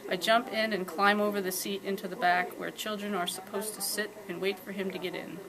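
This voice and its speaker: Woman calmly reading her story aloud. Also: mid-range voice, brisk, a crowd in the background, rough recording. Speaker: author reading her fiction. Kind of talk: first-person story reading. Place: live reading event.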